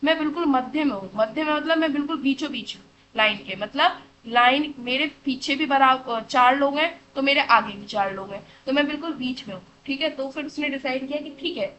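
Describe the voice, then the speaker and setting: High bright-voiced woman teaching kids. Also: brisk, a little hiss or hum, poor audio. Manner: repeats points as questions and answers them herself; calls listeners beta, keeps checking with "theek hai". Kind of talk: classroom lesson for children.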